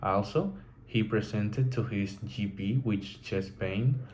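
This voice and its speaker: A man reads through a textbook lesson in a low voice, slowly and carefully. He stops now and then to restart a word. Faint room noise sits behind him. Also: darkish tone. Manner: slow, careful reading with halting restarts. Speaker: teacher. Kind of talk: reading a textbook lesson aloud.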